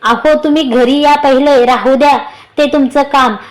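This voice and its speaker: A woman's voice: high voice, steady tone, normal speed, natural voice. A woman voicing a frightened young wife who pleads urgently with her husband, read aloud in an audio story.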